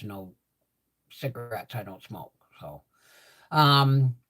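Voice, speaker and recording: A woman's voice: very deep voice, darkish tone. An older woman hosts a casual livestream chat with a swollen, sore mouth from dental work. She rambles along conversationally and repeats phrases for emphasis, her words slightly muffled by the swelling. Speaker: livestream host.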